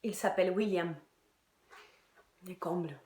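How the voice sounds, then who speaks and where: A woman's voice: lowish voice, unhurried, darkish tone, echoey room, natural voice. A woman playing a bitter, crude Irish woman. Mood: sardonic. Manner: crude, sardonic, drops to whispers. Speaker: actress in a one-woman show. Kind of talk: theatre monologue.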